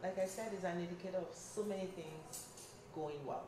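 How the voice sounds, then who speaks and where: A middle-aged Nigerian woman with a lowish voice speaks a little fast as she earnestly answers an interviewer at a community town hall, listing her points one by one. She is far from the mic in a roomy recreation center hall, with a noisy crowd behind her.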